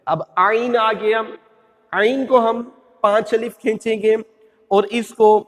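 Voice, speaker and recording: High-voiced man teaching Quran letters. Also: fairly even intonation, a bit bright, in a large hall. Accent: Pakistani Urdu. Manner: patient, repeats rules, draws out letter sounds. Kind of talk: step-by-step recitation lesson.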